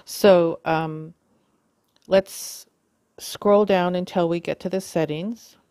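A woman giving a casual how-to demonstration, talking haltingly with many fillers and self-corrections. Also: fairly low pitch, fairly even intonation, mellow, clean tone, no echo, studio quality. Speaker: video tutorial host.

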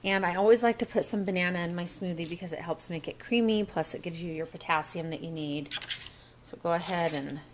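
A woman's voice: fairly low pitch, a little fast, slight background noise. A woman walking through a recipe step by step in a casual kitchen demo at a home counter, recorded on the camera mic. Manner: chatty, step-by-step instructions. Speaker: cooking vlogger.

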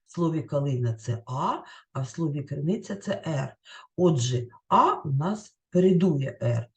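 Lively-voiced woman teaching a lesson. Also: deep voice, moderate pace. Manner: clear, carefully enunciated teacher's explaining; reads out lists word by word. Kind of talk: recorded classroom lesson over slides.

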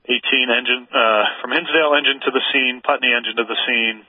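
A man working as a fire dispatcher, heard over a two-way radio, calling out alarms in a measured way and repeating each call. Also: mid-range voice, fairly even intonation, no room sound. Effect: two-way radio transmission. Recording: narrow dry dispatch radio channel.

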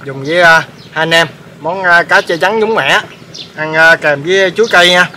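A man's voice: a little high, moderate pace, pushed and bright, slight background noise. A man with a Southern Vietnamese accent hosting a casual outdoor cooking vlog, chatty and full of hesitation fillers. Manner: chatty, lots of hesitation fillers, laughs easily. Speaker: channel host.

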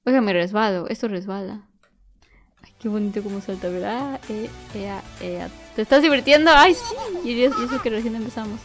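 A woman giving playful commentary on a game, excitable, squealing and shrieking at every fall. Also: fairly high pitch, a little fast, soft background music. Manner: talks to the baby as she plays. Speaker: gaming youtuber.

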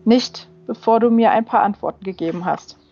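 A woman's voice: fairly high pitch, fairly quick, dark tone. A woman voicing a young, silver-haired male angel who is earnest and full of questions. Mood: insistent. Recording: slightly dull with faint music.

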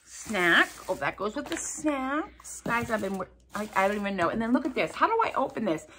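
A woman's voice: medium pitch, very animated, normal speed, bright, forceful tone, a little hiss or hum. A woman vlogger chatting casually to camera while unboxing gifts, gushing and gasping over each one and rambling off into asides. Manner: rambling, jumps between asides. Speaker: vlogger opening subscriber gifts.

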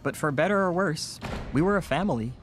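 A man's voice: a little high, expressive, fairly quick, fairly bright tone, a little hiss or hum. An actor playing a neurotic, bookish American survivor in his thirties, wordy and precise, in a comedy film. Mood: wry, nostalgic. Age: 30s. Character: neurotic, bookish, earnest young male survivor. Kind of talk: film comedy narration and dialogue.

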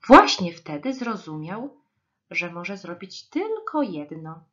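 A woman reading a children's story aloud, slow and expressive. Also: lowish voice, muffled recording.

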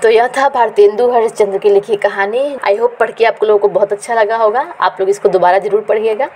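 A woman's voice: mid-range voice, a little mellow. Woman teacher, plain voice, reads and explains a lesson for children. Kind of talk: reading and explaining a school lesson.

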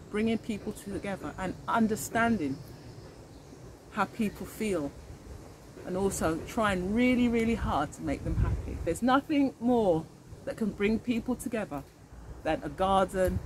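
A middle-aged woman with a medium-pitched voice reads aloud expressively as a teacher of young children, talking directly to them and asking them questions. She's outdoors in a leafy garden, and slight background noise can be heard.

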